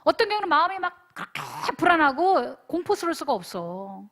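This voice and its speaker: A woman pastor preaches a sermon at a youth retreat in a high, fairly quick voice with vocal fry. She's animated, tells stories, acts out what people said and calls out for amens.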